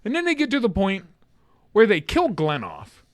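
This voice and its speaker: A naturally deep-voiced man co-hosts a podcast, chatting casually with huge pitch swings, lots of inflection, and frequent laughter. He talks at a normal speed, and the studio-quality recording has no room sound.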